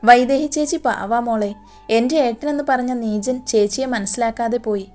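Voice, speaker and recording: A caring middle-aged mother speaks in a gentle, soothing way, as a woman storyteller voices her. The voice is fairly high for a woman. Soft music plays faintly underneath. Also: moderate pace, natural voice.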